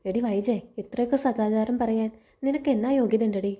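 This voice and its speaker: A woman reading the lines of a sharp-tongued old grandmother who chides bluntly. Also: a little high, fairly quick, close to an everyday voice. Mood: chiding. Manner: blunt, chiding.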